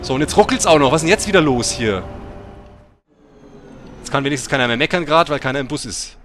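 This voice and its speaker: A man's voice: a little high, lively intonation, quick pace, fairly bright tone, soft background music. A middle-aged man hosting a bus simulator let's play, chatting and breaking into sudden swearing rants. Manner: swears and rants in angry outbursts.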